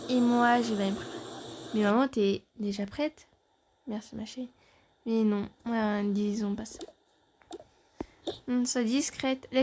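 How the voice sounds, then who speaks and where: A woman's voice: on the high side, darkish tone, a little hiss or hum. A woman voicing several family characters in a home-made fan drama, shifting her voice between the parts as they banter.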